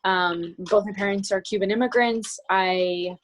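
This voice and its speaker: A business coach from the New Jersey area joins a group video call as a guest, speaking earnestly and at length with many restarts. Her voice is medium-pitched and steady, a little slow, over a rough recording.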